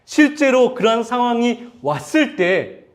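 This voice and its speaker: A male pastor delivers an emotional sermon in a fairly high voice. He talks straight to the congregation, asks questions, and swells in intensity when he acts out quoted pleas. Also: expressive, a little slow.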